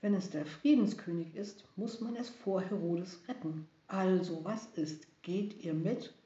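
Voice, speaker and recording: Woman doing a gutsy young girl, firm and pushy, a bit higher, roomy dull sound. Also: a little slow, dark tone, natural voice. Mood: determined. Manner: firm, urgent. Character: determined brave young girl traveler.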